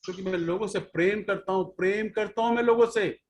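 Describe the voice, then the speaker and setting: Emphatic high-voiced man giving a motivational talk. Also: brisk. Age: 50s. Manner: emphatic, repeats key phrases over and over; addresses listeners directly, preachy and scolding. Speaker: network marketing team leader.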